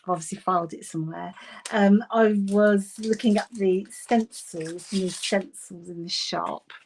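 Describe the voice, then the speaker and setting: Her voice is mid-range and darkish, fairly even in intonation and a little slow, as this craft livestream host chats casually in a Bristolian accent, often giggling and welcoming viewers by name. The phone on her home desk gives poor audio with a little hiss or hum.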